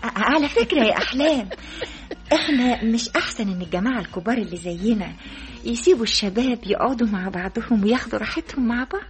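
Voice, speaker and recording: An actress playing a mischievous older matchmaker in an Egyptian accent, in a radio drama. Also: female voice, on the high side, lively intonation, fast, close to an everyday voice. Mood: scheming. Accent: Egyptian Arabic. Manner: playful, scheming.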